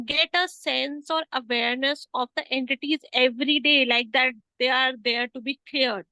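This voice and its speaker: A woman's voice: sits high, bright, forceful tone, no echo, rough recording. A woman taking part in an online class, asking a question over a video call, eager and hesitant with fillers. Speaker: class participant.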